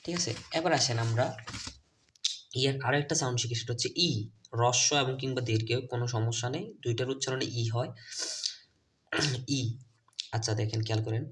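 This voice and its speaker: A man teaching English letter sounds to children's teachers and parents. His first language is Bengali. He spells out the letters and repeats each word slowly. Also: mid-range voice, fairly even intonation, fairly bright tone, slight background noise. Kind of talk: phonics lesson video.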